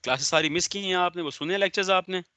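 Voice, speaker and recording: Male law lecturer, bright forceful tone, stern and sarcastic, dry close sound. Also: sits high, fast talker, clean tone, no echo. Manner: stern, sarcastic, calls on students by name. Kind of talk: online lecture, scolding and explaining.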